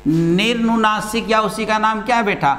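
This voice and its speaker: A man's voice: high-pitched, moderate pace, fairly bright tone. A man teaching a Hindi grammar lesson, patiently repeating key words and calling his students beta and babu. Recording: hum and long room reverb. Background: mains hum.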